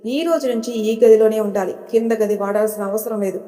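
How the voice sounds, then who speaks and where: Storybook role: woman reading a bossy young husband, curt and commanding, mellow tone, reverberant room. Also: medium pitch, fairly quick, soft background music, close to an everyday voice. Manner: curt, authoritative.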